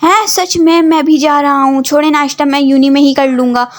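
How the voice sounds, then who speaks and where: A woman's voice: sits high, steady tone, moderate pace, close to an everyday voice. A woman voicing Daniyal, cheeky young student. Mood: teasing. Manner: teasing, cheeky and pestering.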